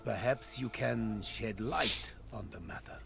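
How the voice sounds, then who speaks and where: A solemn fantasy demon hunter, with a gravelly voice. He speaks slowly and with weight, music playing behind him. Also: on the low side. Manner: slow, weighty. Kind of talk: video game voice acting.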